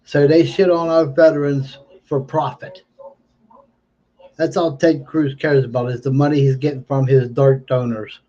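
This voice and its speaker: A man's voice: medium pitch, steady tone, measured pace, mellow. A man with the slightly slurred speech of someone without teeth, giving an emphatic, unscripted political monologue on a livestream and repeating phrases for weight. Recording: dull lo-fi stream audio.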